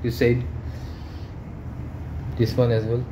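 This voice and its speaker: Male tour narrator from India, halting and plain, recorded on a phone in a bare echoey flat with loud background hum. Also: mid-range voice. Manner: plain, halting, pointing things out as he walks. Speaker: property tour guide. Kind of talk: walkthrough narration. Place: empty furnished flat, indoors. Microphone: handheld phone camera. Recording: echoey room with loud air-con and traffic hum.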